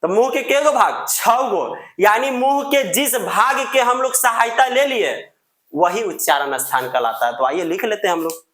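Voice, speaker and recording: A man teaches a grammar lesson, drilling each term over and over. His voice sits high and sounds bright and sharp. The room around him is roomy and echoey. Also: expressive, moderate pace. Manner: answers his own questions in a student's voice; repeats and drills the terms.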